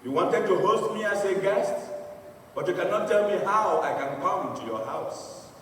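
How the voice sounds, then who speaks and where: A man voicing God speaking calmly and gently chiding, heard in an echoey church from a distant mic. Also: sits high, moderate pace, a little hiss or hum. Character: calm God disguised as a beggar.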